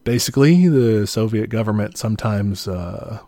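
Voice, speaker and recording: Guy, lowish voice, laid-back history explainer, dry sound. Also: normal speed, no room sound. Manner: relaxed, explanatory, peppered with "like" and "you know". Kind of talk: casual podcast chat.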